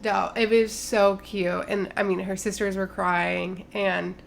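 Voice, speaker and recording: A young woman co-hosting a laid-back podcast, her voice edged with vocal fry. She chats loosely, peppering every thought with fillers. A faint low ambience sits under the recording. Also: little pitch movement, unhurried, slight background noise. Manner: chatty, lots of fillers and "like". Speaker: podcast co-host. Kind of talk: casual chat.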